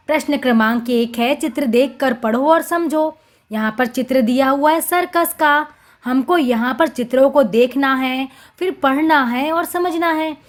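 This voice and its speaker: A woman teaching small children to read, slowly sounding out each syllable and repeating every word. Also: high voice. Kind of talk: slow, drawn-out reading lesson for small children.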